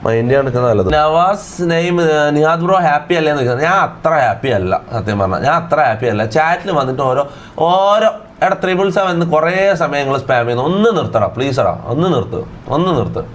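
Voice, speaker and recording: A man's voice: on the high side, very animated, quick pace. A man, ranting at his live-stream chat in an irritated, lecturing way and repeating himself. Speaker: livestreamer.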